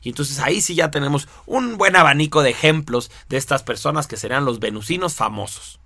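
A man's voice: fairly high pitch, expressive, brisk, pushed and bright, no room sound, studio quality. A man explaining a topic to his audience in a conversational way, giving examples and addressing listeners directly.

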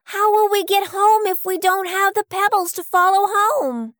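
A man's voice: very high-pitched, moderate pace, fairly bright tone, dry recording, clean studio sound, voice pushed up. A man voicing a frightened little girl in a storybook reading, pleading and worried.

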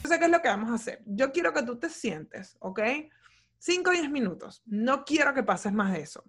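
A podcast host talks her listeners through an exercise, stopping often to ask "ok?". Her voice sits fairly high, and her pace swings from slow to quick. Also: very animated, a bit bright, slightly rough. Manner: chatty, frequent "¿ok?" check-ins, varied pace. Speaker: podcast host and business coach. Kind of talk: casual coaching talk.

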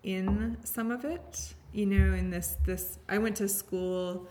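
A woman's voice: mid-range voice, fairly even intonation, takes it slowly, mellow, a little hiss or hum. A woman speaking earnestly and openly in a conversational interview, often restarting her sentences and filling them with "like". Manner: earnest, heartfelt, heavy use of "like" and restarts. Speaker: podcast guest sharing her story.

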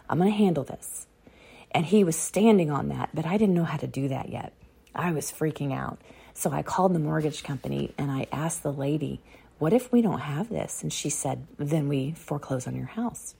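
A middle-aged woman telling a personal faith testimony outdoors on a dark autumn morning, earnest and repeating key phrases for emphasis. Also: low voice, vocal fry, husky.

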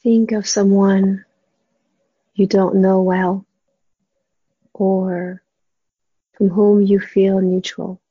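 Hushed, breathy woman guiding meditation very slowly. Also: mid-range voice, level tone, no room sound. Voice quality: soft, breathy, husky. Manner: slow, gentle delivery with long pauses. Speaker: meditation guide. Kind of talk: guided meditation in a soft, hushed, spa-like near-whisper. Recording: dull, muffled, dry close recording.

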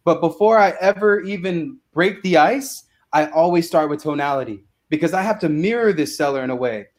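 A young man, a real estate investor, talking in an energetic, slangy way as an interview guest. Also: fairly high pitch, brisk. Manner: energetic, slangy, says bro and dude a lot. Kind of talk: casual interview talk.

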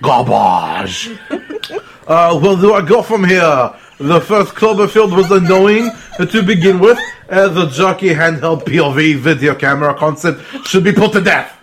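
A man's voice: a little high, animated, moderate pace, fairly bright tone, slight background noise. A man putting on a sneering French-accented movie critic. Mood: mock-snooty. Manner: exaggerated comic accent, laughing through it. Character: grumpy male online reviewer with a mock French accent.

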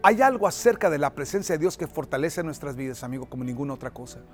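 A male pastor delivering an emphatic sermon in a fairly high voice. He calls the congregation to repeat his words and builds to loud, forceful climaxes. Faint music plays under his preaching. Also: animated, quick pace.

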